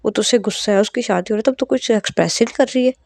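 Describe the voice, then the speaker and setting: A woman's voice: on the high side, very fast, gravelly, darkish tone, dry recording, clean studio sound. A woman voicing a blunt young friend who chides plainly. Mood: chiding. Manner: blunt, chiding.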